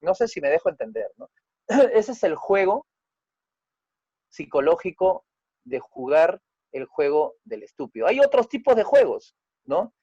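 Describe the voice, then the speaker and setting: A man's voice: very animated, measured pace, long pauses, dark tone, husky, no echo, lo-fi sound. Man teaching a family therapy lesson. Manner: explanatory, often checks with "¿no?"; acts out quoted dialogue with raised pitch and volume. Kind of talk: online group lesson.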